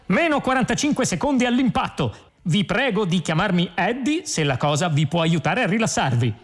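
A man's voice: sits high, big pitch swings, moderate pace, pitched above the performer's own voice. A man voicing a breezy, cheerful spaceship computer in an audiobook. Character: chirpy male spaceship computer.

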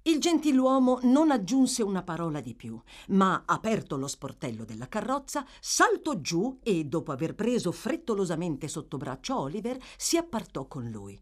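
Brief: woman narrator, literary audiobook, lively melodic reading. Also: low-pitched. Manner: expressive, measured storytelling.

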